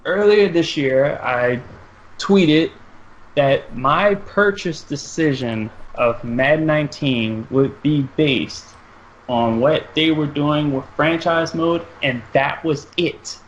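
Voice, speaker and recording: A podcast co-host with a fairly high voice talks slowly and at length in casual chat on a sports and gaming show. The recording sounds dull and lo-fi, with faint noise.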